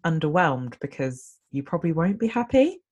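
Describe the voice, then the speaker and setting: A low-pitched woman in her late twenties rambles enthusiastically through casual podcast chat. She giggles often and doubles back on her thoughts. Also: big pitch swings, normal speed, a little mellow, muffled recording. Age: late 20s.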